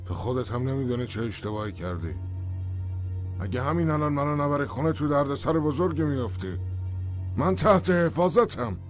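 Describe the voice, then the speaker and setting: A man dubbing an arrogant locked-up man who shouts threats and demands to be let out. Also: medium pitch, lively intonation, soft background music, natural voice. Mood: indignant. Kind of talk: dubbed film acting.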